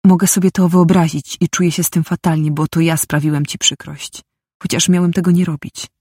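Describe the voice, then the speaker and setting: Woman voicing a calm, persistent young man. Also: lowish voice, fairly quick, breathy edge, dry recording, clean studio sound. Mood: calm soothing. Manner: calm and sure. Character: young man, steady, tender, persistent lover.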